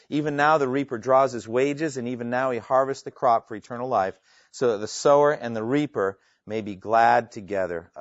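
A man's voice: medium pitch, dry recording. A man teaching a classroom lecture on evangelism, earnest and emphatic, quoting scripture with rising intensity. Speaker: seminary instructor. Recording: dull, dry lo-fi classroom recording.

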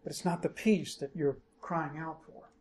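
A middle-aged male pastor preaching with a fairly high voice, his pitch climbing on quoted verses before settling back. He explains the text steadily and leans hard on key words. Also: steady tone, normal speed, darkish tone. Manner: expository preaching, rising emphatically on quoted verses. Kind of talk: sermon.

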